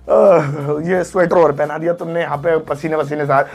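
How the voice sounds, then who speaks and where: A man teaching an English grammar lesson, joking and teasing his students and drawing words out slowly. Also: on the high side, fairly even intonation, creaky, darkish tone. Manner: joking, playful teasing of students, drawn-out slow-motion sounds.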